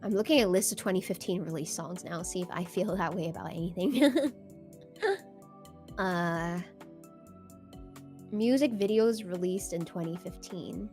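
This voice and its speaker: A woman's voice: lowish voice, normal speed, long pauses, darkish tone. A woman chatting casually on a livestream in a playful, giggly, bubbly anime-streamer manner, with music behind her. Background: background music.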